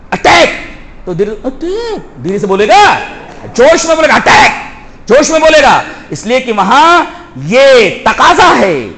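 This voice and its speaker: Animated high-pitched male preacher. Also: slight background noise. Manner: animated, swings between soft low tones and loud shouted emphasis; recites Arabic verses quickly then explains them. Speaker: Islamic preacher. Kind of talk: sermon explaining Quran verses.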